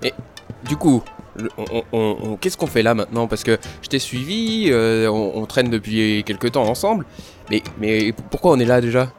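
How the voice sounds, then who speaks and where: A man's voice: medium pitch, animated, moderate pace, soft background music. Stammering man role-playing in character. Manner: hesitant, stammering, repeats words. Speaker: player. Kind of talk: in-character tabletop role-play.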